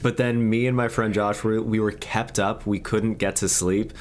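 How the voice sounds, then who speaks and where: A man's voice: fairly low pitch, level tone, normal speed, a little hiss or hum. A man, a guest on a podcast, telling a story casually, rambling with many filler words.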